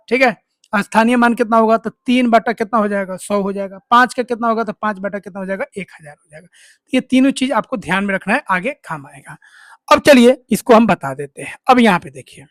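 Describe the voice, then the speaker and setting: A maths teacher explains steps slowly and keeps quizzing the listener with call-and-response questions. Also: medium pitch, no room sound, clean studio sound. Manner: slow, step-by-step dictation. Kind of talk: online tutorial explanation.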